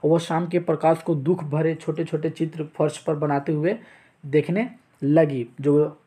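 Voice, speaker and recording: A male teacher from India, explaining a chapter and reading its text, slow and halting, with restarts. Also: on the high side, fairly even intonation, dark tone, breathy edge. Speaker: English teacher. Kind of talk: chapter explanation mixing Hindi and English.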